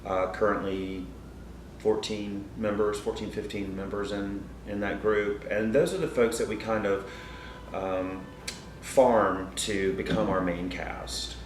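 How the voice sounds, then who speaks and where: A man who ran a theater's training program, calmly explaining how students move up through it. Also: lowish voice, recorded from a distance, a little hiss or hum. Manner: plain, explanatory, measured. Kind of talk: interview. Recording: echoey room from afar, faint music.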